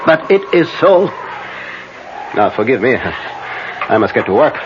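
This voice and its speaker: Grave Professor Van Helsing, muffled radio. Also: male voice, medium pitch, sing-song. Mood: solemn, intent. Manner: deliberate, halting, solemn. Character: grave, commanding male vampire-hunting professor. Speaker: actor playing a professor. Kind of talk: old-time radio drama acting. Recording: muffled, noisy vintage radio recording.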